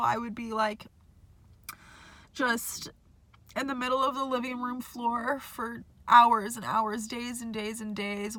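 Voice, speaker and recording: A woman's voice: a little high, bright, forceful tone. A young woman talking in a casual personal vlog, speaking passionately and saying "like" a lot, from a parking lot. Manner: impassioned, heavy use of "like". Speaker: vlogger.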